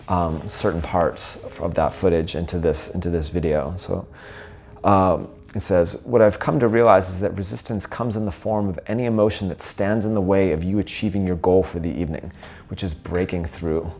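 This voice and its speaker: A man with a very low voice talks through his report in a loose, earnest way, circling back and restarting his sentences as he goes. Faint music sits in the background. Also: darkish tone. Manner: rambling, earnest, with frequent restarts and fillers. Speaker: host of a personal video report. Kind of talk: casual spoken report.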